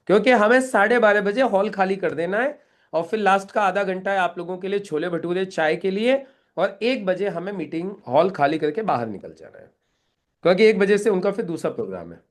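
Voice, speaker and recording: Male trainer drilling a group. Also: high-pitched. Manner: instructive, drilling the group with questions. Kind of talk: live training session.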